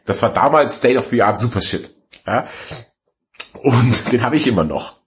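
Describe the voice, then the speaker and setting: A man casually telling a long anecdote, lively and jumping into quoted voices. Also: mid-range voice, normal speed. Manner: animated, jumps into quoted voices.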